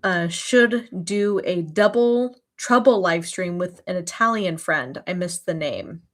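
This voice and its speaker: In her early thirties, this woman hosts a livestream and chats casually in a lowish, slow voice. She talks in an emphatic, gushing way.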